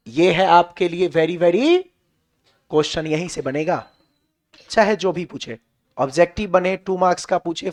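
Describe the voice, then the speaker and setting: High-voiced Bihari physics teacher. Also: male voice. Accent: Bihari Hindi. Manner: questions the class and answers himself, drills points. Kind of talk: classroom lecture.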